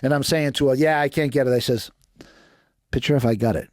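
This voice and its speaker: A man's voice: medium pitch, brisk, no room sound, clean studio sound. A middle-aged man with a Boston accent telling long stories in a podcast interview, acting out other people's lines with fillers along the way. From East Boston, USA. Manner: animated storyteller acting out dialogue, frequent fillers. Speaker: guest, former prisoner.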